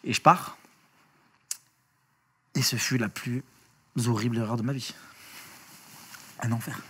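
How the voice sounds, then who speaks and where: Man, interview guest, casual storytelling, slangy, swears a lot, animated restarts. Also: medium pitch, unhurried, slightly rough.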